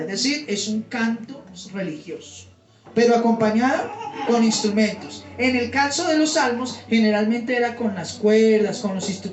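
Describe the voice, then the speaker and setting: A man preaching a teaching sermon to his congregation, explaining terms and asking them questions. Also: very high-pitched. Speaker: pastor. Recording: roomy sound from a distance.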